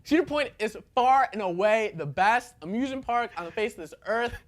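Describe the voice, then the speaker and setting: A young man from Ohio talking in a loose, rambling way, his pitch swinging widely from low mumbles to excited highs. He co-hosts a casual chat and gets loud and riled up when he argues. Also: fairly quick. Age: young adult. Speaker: co-host.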